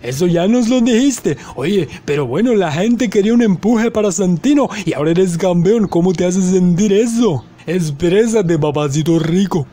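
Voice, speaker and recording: Cheeky, lively-voiced male co-commentator. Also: sits high, moderate pace, hardly any pauses. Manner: teasing, cheeky jokes. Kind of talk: joking color commentary.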